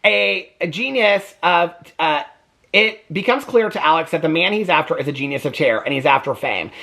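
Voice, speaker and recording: An American book reviewer chats casually about books he has read, reading synopses aloud and breaking off with wry complaints and asides. He is animated and chatty, often interrupting himself, with a gravelly, slightly high voice at a moderate pace.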